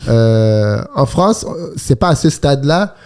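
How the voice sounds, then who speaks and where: A man's voice: mid-range voice, animated, measured pace, a little mellow. A middle-aged man from Cameroon, hosting a casual panel discussion and telling stories with a laugh.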